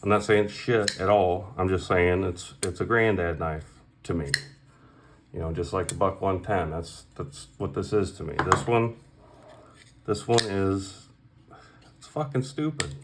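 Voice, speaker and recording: A man's voice: low voice, unhurried, noisy background. Blunt, profane man ranting about gear. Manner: blunt, profane, repeats himself; heated, emphatic. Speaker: knife collector vlogger. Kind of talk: casual opinionated rant.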